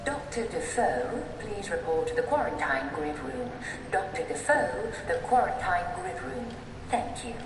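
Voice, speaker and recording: A woman playing a formal hospital announcer, heard over a loudspeaker in a game. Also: medium pitch, big pitch swings, a little slow, few pauses. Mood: official. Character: calm female hospital PA announcer. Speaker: public address announcer. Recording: echoey hall PA with loud background noise.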